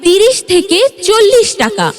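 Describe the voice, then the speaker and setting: Very high-pitched woman in hard-sell ad. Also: big pitch swings, normal speed. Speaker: advertising announcer. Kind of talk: hard-sell promotional announcement for a mobile loudspeaker van.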